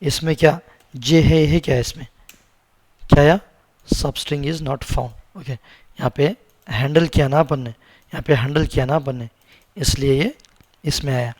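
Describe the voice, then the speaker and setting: A man's voice: on the high side, fairly even intonation, moderate pace, long pauses, darkish tone, no echo. A man with a sore throat, teaching a screen-recorded coding lesson and repeating words many times as he types. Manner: asks the viewers questions as he teaches. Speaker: programming instructor.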